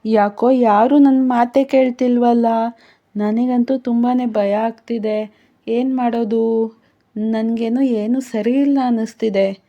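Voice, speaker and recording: Lady doing a scared young guy in a storybook, fretful, a bit higher and louder than her usual talk. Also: steady tone, unhurried, dull audio. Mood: worried. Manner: fretful and jumpy. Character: nervous young man, a timid friend.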